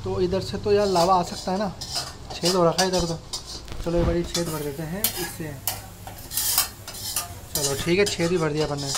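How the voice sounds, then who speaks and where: A man's voice: high voice, steady tone, normal speed, long pauses, noisy background. A young man casually narrating his own gameplay as host of a gaming channel, talking informally and directly to his viewers like friends. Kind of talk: casual Minecraft tutorial voice-over.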